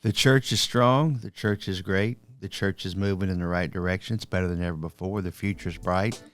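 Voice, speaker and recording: Older minister, low-voiced and chuckling. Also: male voice, steady tone, a little fast, clear, resonant tone. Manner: warm-humored, chuckling, repeats words as he goes. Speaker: minister, guest on podcast. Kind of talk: casual chat.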